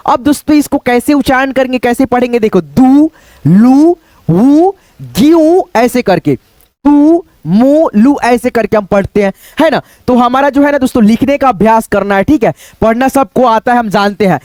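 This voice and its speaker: A man's voice: very high-pitched, a little fast, hardly any pauses, no room sound. A man teaching an online Hindi writing lesson, patiently explaining step by step and drawing out the vowel sounds.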